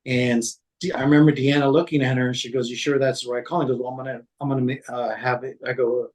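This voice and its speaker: A man's voice: mid-range voice, little pitch movement, darkish tone, low-quality recording. A man, a former city code manager, recounting past workplace events in an interview, with frequent restarts and quoted dialogue. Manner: halting, many restarts and fillers, quotes others in dialogue.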